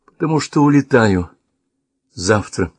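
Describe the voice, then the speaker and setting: A man voicing a sad young woman leaving home, speaking flatly and resignedly. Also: medium pitch, measured pace, breathy edge, no room sound.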